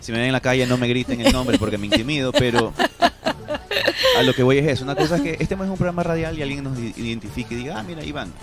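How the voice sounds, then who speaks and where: A middle-aged Ecuadorian man, a guest on a radio show, explains his opinions emphatically in a discussion, close to a studio microphone with music playing behind him. His voice sits on the high side with big pitch swings, vocal fry and fast delivery.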